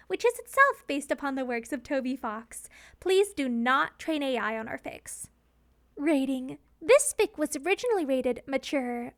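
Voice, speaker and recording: Reading scripted fan fiction in a dramatic storytelling style, this woman speaks in a very high register.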